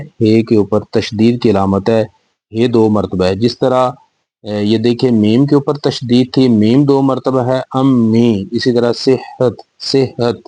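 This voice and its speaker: A man's voice: mid-range voice, mellow, dry recording. A man teaching young children to read and write, spelling each word letter by letter and repeating it patiently. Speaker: Urdu teacher. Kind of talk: slow spelling lesson for children.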